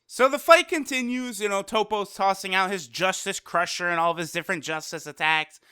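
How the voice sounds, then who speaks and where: Young man, casual episode review, loose and profane, lots of fillers, smooth clear voice, dry sound. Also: sits high, a little fast, bright, forceful tone, no room sound. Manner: loose and profane, heavy on fillers like "you know" and "like". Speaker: anime reviewer.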